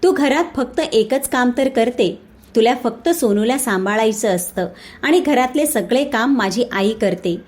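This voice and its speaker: A woman's voice: a little high, expressive, a little slow. An angry scolding young husband, as a woman reads him out. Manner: shouting, accusing.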